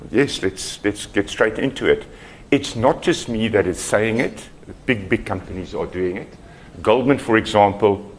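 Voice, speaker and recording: A man's voice: sits low, slight background noise. Afrikaans-accented man giving a keynote. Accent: South African. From South Africa. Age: middle-aged. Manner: self-deprecating, conversational, chuckles at his own jokes. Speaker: keynote speaker. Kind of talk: conference talk.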